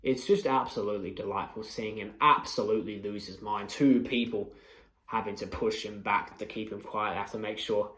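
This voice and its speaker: A man's voice: fairly low pitch, fairly even intonation, moderate pace, a bit bright, echoey room. A young man giving a passionate, mocking post-match reaction as a fan channel host. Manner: passionate, swearing, mocking rivals.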